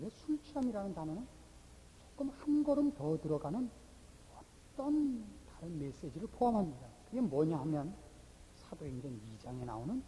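Lively, teasing preacher in a reverberant hall. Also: medium pitch, slight background noise. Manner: scolding rhetorical questions to the congregation. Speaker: pastor. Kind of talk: sermon.

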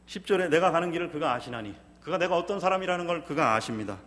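Pastor guy preaching, kinda high voice, dramatic prayer bits then calm explaining, big echoey church hall. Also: fast. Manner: dramatic, voicing anguished prayers then dropping to a calm teaching tone. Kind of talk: sermon. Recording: long reverb from a church hall.

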